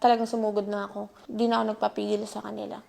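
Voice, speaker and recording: A woman's voice: medium pitch, level tone, racing, vocal fry, a little mellow. A woman caretaker speaking in a heartfelt, indignant way in an interview-style confession. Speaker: caretaker in the vlog family.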